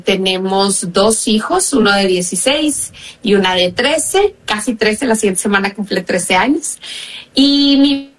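A woman in her forties from Mexico, speaking with a Mexican accent as a therapist guest, earnest and conversational. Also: mid-range voice. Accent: Mexican Spanish. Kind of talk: interview answers.

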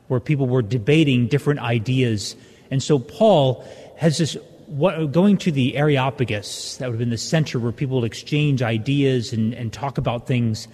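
A priest reads the gospel and preaches in a soft, dark-toned voice. He talks plainly and conversationally, as if explaining to his parish. Each phrase rings out into the long, lingering reverb of a large church, like a cathedral echo. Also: mid-range voice. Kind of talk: Mass gospel reading and homily.

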